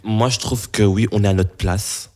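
A young man from Belgium answering interview questions, halting and full of restarts and fillers. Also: fairly low pitch, fairly even intonation, darkish tone.

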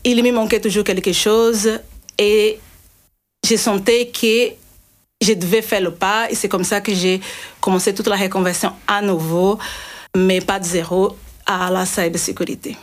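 Radio guest: middle-aged Brazilian woman, earnest, restarts often, mid pitch. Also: steady tone, unhurried. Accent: Brazilian Portuguese. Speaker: guest, cybersecurity consultant. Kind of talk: radio interview.

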